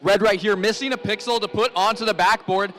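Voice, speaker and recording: A man's voice: high voice, fairly even intonation, a little fast, fairly bright tone. A man doing live competition commentary as a hype announcer, trading calls with a co-announcer. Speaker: play-by-play event announcer.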